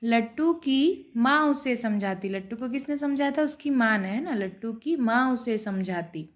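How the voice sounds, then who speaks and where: A woman's voice: fairly high pitch, lively intonation, measured pace. A woman teacher taking young pupils through a story and its exercises, repeating each question and answer and often checking in with them. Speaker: primary school teacher. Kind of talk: recorded class lesson.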